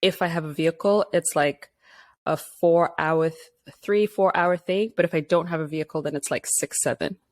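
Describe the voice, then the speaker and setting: A woman's voice: low-pitched, normal speed. A woman from Zimbabwe, a guest on a podcast, chatting in a friendly way and sounding a little tired. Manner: friendly, chatty, laughs easily. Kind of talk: casual interview chat.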